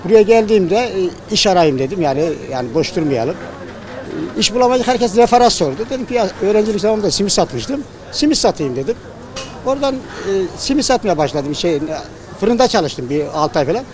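High-pitched older man in a street interview. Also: animated, darkish tone, poor audio. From Çorum, Turkey. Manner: halting, repeats himself. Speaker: street simit vendor, interviewee. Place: outdoor produce market. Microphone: handheld news microphone. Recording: market crowd murmur and traffic behind.

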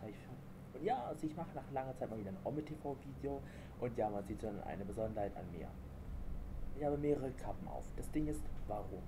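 A video chat vlogger of about twenty-one jokes around with strangers over a webcam or computer mic, with background noise audible. His mid-range voice moves with lively intonation at a fairly quick pace, and he is slangy, teasing and playful.

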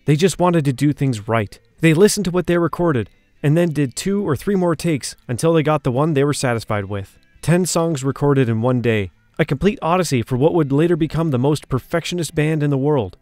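A man's voice: on the high side, animated, a little fast, a little mellow, dry recording, faint music behind. A man reading a scripted documentary narration, shifting his emphasis from phrase to phrase.

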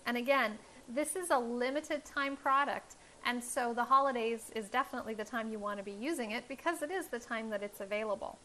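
Here the thirtysomething host of a home cooking show sounds bright and forceful, her pitch on the high side, with slight background noise. Wearing a lapel mic in her kitchen, she gives a cooking demonstration, guiding viewers through each step in a friendly, instructive manner.

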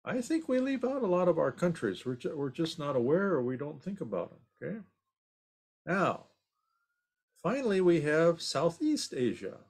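A man's voice: fairly high pitch, very animated, moderate pace. An older man from Long Beach, California, teaching an online ukulele class over a video call, friendly and upbeat as he talks to his students. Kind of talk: online class, singing then explaining. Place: home room at desk. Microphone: video call webcam.

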